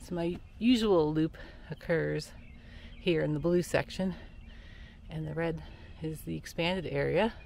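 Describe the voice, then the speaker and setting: A woman's voice: deep voice, a little slow, creaky, a little mellow, a little hiss or hum. A middle-aged woman with an American accent chats casually as a running vlogger, speaking into a camera held at arm's length. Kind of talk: casual vlog chat. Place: on location at trails outdoors or in a parked car. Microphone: handheld camera at arm's length.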